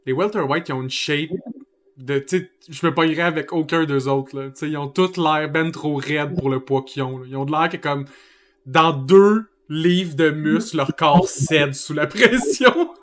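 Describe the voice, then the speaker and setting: Québécois male podcast host, casual, jokey, slightly high voice. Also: moderate pace. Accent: Quebec French. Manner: laughs often, relaxed joking.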